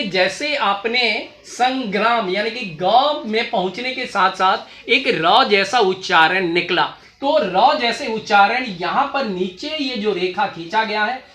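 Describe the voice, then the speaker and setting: A slow, patient teacher talks through a grammar lesson, repeating each rule with examples. The voice is bright and clear. The room is noticeably echoey. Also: medium pitch. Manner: patient, repetitive, explanatory. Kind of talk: explaining lesson slowly.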